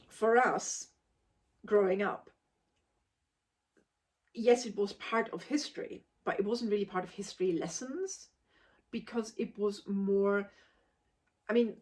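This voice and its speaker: A woman's voice: medium pitch, darkish tone. A woman in her forties from Austria, giving a casual spoken book review in an emphatic, articulate, forthright way.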